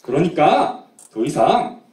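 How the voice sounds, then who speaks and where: Guy doing a mad yelling steward, high and loud, echoey room far from the mic. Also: sing-song, slow pace. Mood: scolding. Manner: shouting, accusing. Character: angry male steward scolding travelers.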